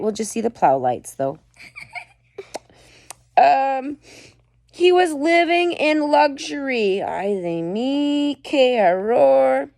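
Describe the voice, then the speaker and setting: A woman with a fairly high, creaky, slightly mellow voice, recorded with no room sound. She's a mother reading a book aloud to her kids at home, chatty and pausing often to comment and explain things to them.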